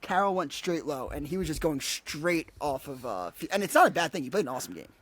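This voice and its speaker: A man's voice: a little high, expressive, quick pace, a bit bright. A man co-hosting a sports podcast, telling stories animatedly and insisting on his points. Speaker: podcast co-host. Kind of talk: casual sports podcast banter.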